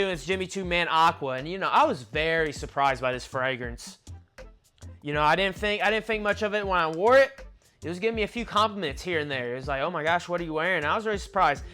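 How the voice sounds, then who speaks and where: A young man in his twenties, stuffy and nasal from allergies, chats through a fragrance review, listing notes in a relaxed, conversational flow. His voice is high-pitched, smooth, and fast, with soft music playing behind him.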